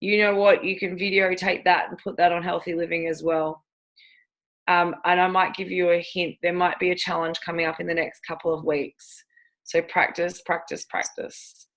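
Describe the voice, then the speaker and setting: A woman's voice: on the low side, level tone, moderate pace, fairly bright tone. A woman leading a team video call, encouraging and cheerleading her team. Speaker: team leader hosting a call.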